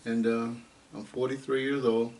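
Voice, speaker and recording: A man in his eighties from Ohio, telling his life story in an oral history interview at an unhurried, rambling pace with many fillers. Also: mid-range voice, flat delivery, a crowd in the background. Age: 80s. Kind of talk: unscripted life-story reminiscing. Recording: distant mic with faint background noise.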